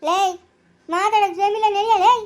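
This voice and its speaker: A woman sobs and wails in a grieving parent's role, in a homemade family drama skit. Her voice is extremely high and piercing. She speaks rural Chikkaballapura Kannada and pleads through her tears. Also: flat delivery, fairly quick, darkish tone. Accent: Kannada, Chikkaballapura rural speech. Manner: wailing, pleading. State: crying.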